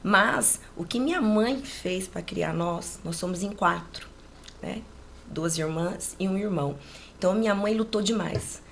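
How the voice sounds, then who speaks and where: Her medium-pitched voice is creaky and measured, with a little hiss or hum in the background. A late-forties woman from rural Brazil with a Brazilian accent, she recounts personal stories casually in an interview, often looking for agreement with tag phrases.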